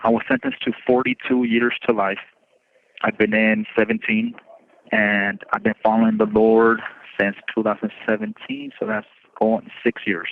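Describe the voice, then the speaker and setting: A man who is incarcerated answers interview questions over a prison phone line, speaking in a steady, plainspoken, reflective way. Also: on the low side, moderate pace, gravelly. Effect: heard over a prison phone line. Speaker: incarcerated student.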